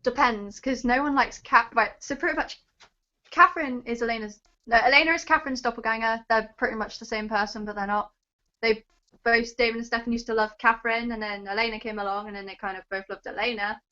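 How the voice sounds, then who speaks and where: A woman with a fairly high voice chats as a guest on a livestream, giggly and matter-of-fact. Her voice comes through dull and lo-fi over a call. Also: fairly even intonation, brisk, sharp tone. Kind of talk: casual livestream chat.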